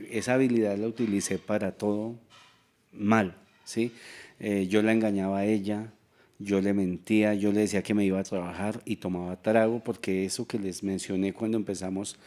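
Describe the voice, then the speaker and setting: Man, fairly deep voice, candid personal testimony, unhurried confessional talk. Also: fairly even intonation, warm tone. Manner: reflective, confessional, with hesitant restarts. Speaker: testimony guest. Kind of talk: casual spoken testimony.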